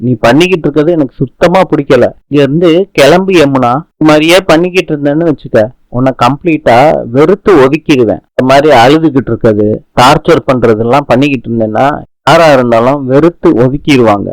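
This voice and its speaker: A man's voice: mid-range voice, fairly quick, dry recording, natural voice, poor audio. A man reading the lines of a stern, irritated young man, firm and dismissive, in a dry recording.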